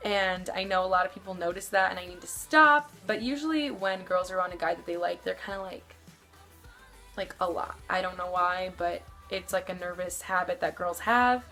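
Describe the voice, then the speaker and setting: Talking straight to camera at a normal speed, a young vlogger offers casual advice in a voice somewhat deep for her age. She's chatty and rambling, packing every pause with easy fillers and never quite landing a point, while faint music plays softly beneath.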